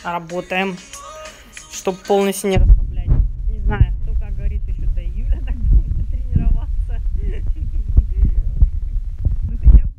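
A woman fitness trainer coaches casually in a carpeted, high-ceilinged living room, her mid-range voice at a moderate pace giving short, repeated encouraging cues and counting reps. She records on a handheld phone she sometimes covers with her hand, so the audio is poor and music plays underneath.

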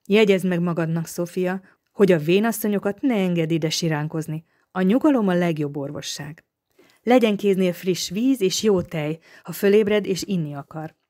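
A woman voicing a gruff, practical old professor who speaks curtly and gives orders. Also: on the low side, mellow, natural voice. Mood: commanding. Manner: curt, gruff and commanding.

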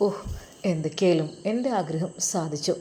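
A woman's voice: deep voice, moderate pace, mellow, a little hiss or hum, pitched below the performer's own voice, close to an everyday voice. A woman voicing a scheming young husband who talks with a swaggering, teasing tone. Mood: smug.

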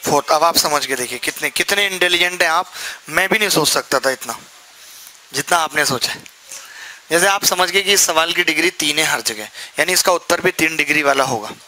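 Bright-voiced young man teaching maths. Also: fairly high pitch, brisk, poor audio. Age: young adult. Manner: asks students questions and answers them himself; jokey, chatty asides to students. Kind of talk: classroom lecture. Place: classroom with students.

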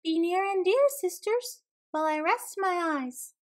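Woman playing little girl dassie, high-pitched, eager, cheerful, calling out, storybook animal. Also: animated, unhurried. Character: young female dassies, small, eager, cheerful sisters.

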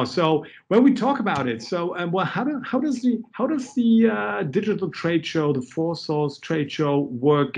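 A man hosting a video call interview, asking his guests questions in a hesitant way with many "you knows." His voice sits at a middle pitch. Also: slightly rough. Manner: hesitant, heavy use of "you know". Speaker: host.

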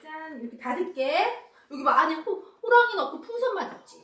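A woman's voice: high voice, sing-song, fairly quick, fairly bright tone. A woman performing like a kids party magician, coaxing a young child along with playful questions. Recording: echoey room, distant mic, some noise.

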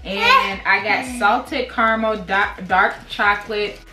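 A woman's voice: mid-range voice, slow. Chatty woman explaining snacks, echoey room. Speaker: family member tasting snacks. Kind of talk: casual snack-tasting chat. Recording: echoey room with music behind.

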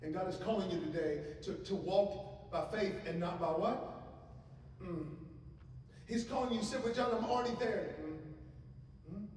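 His voice is high-pitched and a little mellow, moving at a moderate pace with long pauses, and there's a faint hiss or hum. The middle-aged man is giving a conversational sermon at a church pulpit, questioning the congregation through a handheld microphone, recorded distantly in an echoing hall.

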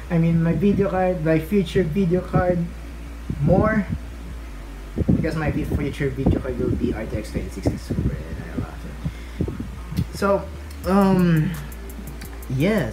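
A young Filipino man, a native Filipino speaker with a Filipino accent, vlogs casually about tech in a small room at home, speaking in a medium-pitched voice. He rambles, corrects himself and chuckles often, holding his phone camera at arm's length, and the recording quality is low.

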